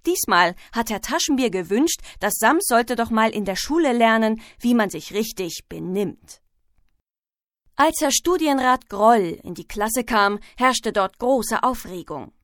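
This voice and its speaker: A woman reading a children's storybook aloud, clear and even. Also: on the high side, unhurried, no echo, studio quality. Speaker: narrator.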